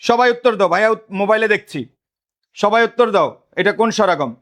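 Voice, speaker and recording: A man's voice: sits high, animated, fast, a bit bright. Bangladeshi man drilling a grammar class. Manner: drilling students with repeated questions; calls himself big brother to students. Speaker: teacher. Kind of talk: live online grammar class.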